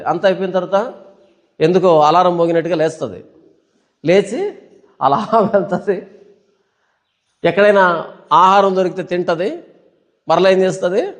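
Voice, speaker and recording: High-voiced preaching man in a reverberant hall. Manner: emphatic, asks the crowd rhetorical questions. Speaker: pastor. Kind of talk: sermon.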